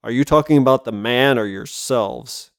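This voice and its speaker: A man voicing a calm young hero in an audiobook, speaking quietly and firmly. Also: moderate pace, gravelly, natural voice. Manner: calm, low-key, even. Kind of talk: audiobook character voice.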